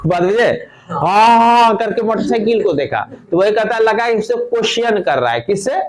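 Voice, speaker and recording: Speaking in an animated, high voice, a male teacher goes through an English textbook passage in Hindi. Each English phrase is read slowly, then quickly explained, with checks on the students along the way.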